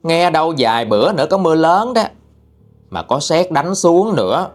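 A man voicing a stern, sharp-tongued old woman exorcist in a ghost story, with a Southern Vietnamese accent and a scolding, mocking manner. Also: on the high side, sing-song, normal speed, voice pushed up. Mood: threatening.

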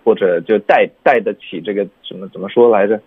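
Low husky man teaching pronunciation. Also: steady tone, no echo. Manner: slow, drawn-out demonstrations of English sounds. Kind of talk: radio lesson chat. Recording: tinny phone-like radio sound.

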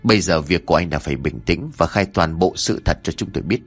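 Brief: man playing a firm interrogating officer, husky and steady. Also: sits low, fairly quick, dry recording, soft background music, voice pushed down.

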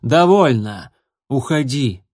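A man voicing a stern female cat who leads her clan, speaking in a sharp, commanding way. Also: mid-range voice, lively intonation, slow, no echo, clean studio sound.

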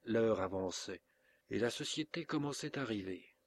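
A man with a French accent reading a classic novel aloud as an audiobook narrator, steady and measured. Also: lowish voice, a little hiss or hum.

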